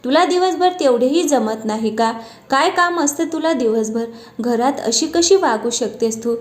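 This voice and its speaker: A woman's voice: high voice, lively intonation, moderate pace, reverberant. A woman reading the part of an irritable middle-aged husband who scolds his wife, in a storybook narration. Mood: scolding. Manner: scolding, complaining.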